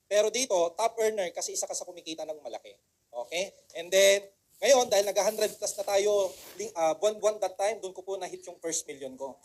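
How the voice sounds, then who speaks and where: A man giving a motivational seminar talk to an audience, rhetorical and coaxing, repeating key phrases and asking for agreement. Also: high voice. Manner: mixes English phrases into the talk. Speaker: motivational speaker.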